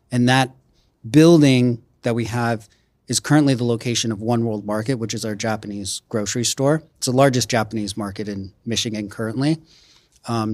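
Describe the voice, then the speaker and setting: A man walks through new business plans in a relaxed interview, explaining step by step and checking in with "right?". His voice sits in a middle range, recorded close and dry in a studio. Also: mid-range voice, no echo. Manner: explanatory, frequent "right?" tags. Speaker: restaurant group representative. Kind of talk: conversational interview.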